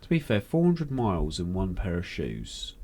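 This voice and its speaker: Male co-host, young, very deep voice, jokey banter. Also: huge pitch swings, darkish tone. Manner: jokey banter, quick teasing asides. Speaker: podcast co-host. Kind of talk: casual chat.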